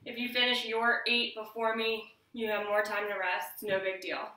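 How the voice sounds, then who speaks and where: A woman's voice: medium pitch, flat delivery, moderate pace, pushed and bright. A woman in her thirties coaching a home workout like an aerobics instructor, encouraging and counting reps aloud, in a living room away from the mic. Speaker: fitness instructor. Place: living room with wooden floor. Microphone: camera mic from a few metres. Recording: very echoey room, distant mic.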